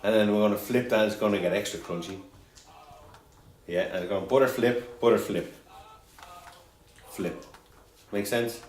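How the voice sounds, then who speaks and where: A man's voice: on the low side, normal speed, long pauses, darkish tone, echoey room, slight background noise. A man hosting a casual cooking show, joking and rambling as he cooks.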